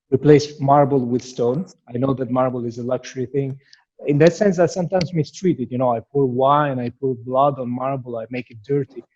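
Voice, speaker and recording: A man's voice: medium pitch, a little mellow, husky, highs cut off. A man from Iraq, a sculptor, giving thoughtful, searching answers in an interview with many restarts.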